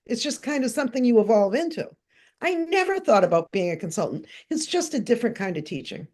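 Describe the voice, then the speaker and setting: A woman's voice: a little high, quick pace. An older woman from New Hampshire, a guest education consultant, telling stories in a podcast interview and acting out the voices she quotes. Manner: lively anecdotal storytelling, acting out quoted voices.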